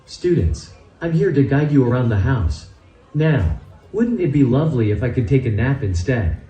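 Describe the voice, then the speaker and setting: A sarcastic, grumpy robot assistant, voiced by a synthetic male text-to-speech voice delivers dry, mock-theatrical quips. The tone is mellow and soft, but the pitch swings in a lively, exaggerated way. The voice comes through a loudspeaker and echoes around a large hall. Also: moderate pace, faint music behind.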